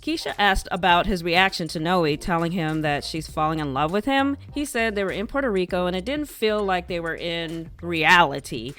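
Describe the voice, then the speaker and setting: A woman's voice: on the low side, normal speed, few pauses, a bit bright, soft background music. Chatty woman recapping reality TV gossip. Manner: chatty, wry, opinionated. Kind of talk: scripted gossip recap narration.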